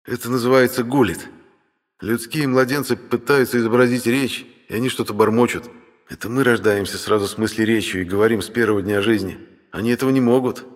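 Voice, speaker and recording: A man's voice: medium pitch, fairly even intonation, a little fast, pitched above the performer's own voice, lightly acted. A man voicing a young male dragon, a stern and curt older brother, in an audiobook. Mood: dismissive. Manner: curt and commanding. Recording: long hall reverb.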